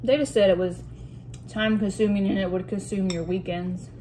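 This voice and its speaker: A woman chatting casually as a vlog host while eating soup in a mukbang, reading out questions and pausing to clear her throat. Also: mid-range voice, fairly even intonation, dark tone. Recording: noticeable room noise with dish and cutlery clatter. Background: clinking cutlery and dishes.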